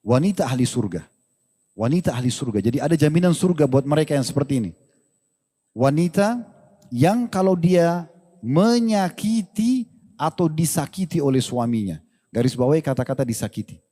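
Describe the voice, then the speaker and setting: Male preacher, warm slightly high voice, animated lecture, echoing hall. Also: normal speed, long pauses. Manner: animated, rhetorical questions, jokes and laughs with the crowd. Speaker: Islamic preacher. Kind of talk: religious lecture to an audience. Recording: long hall reverb.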